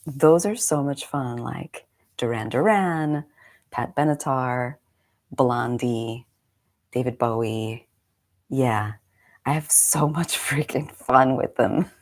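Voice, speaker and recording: Speaking slowly in a rumbling low voice, a forties-aged meditation coach chats casually on a live stream. Her voice is a little congested, and she wanders through friendly asides.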